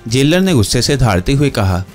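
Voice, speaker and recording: A man's voice: mid-range voice, very animated, moderate pace, faint music behind. A man reading a novel aloud as narrator, steadily telling the story and voicing every character. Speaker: audiobook narrator.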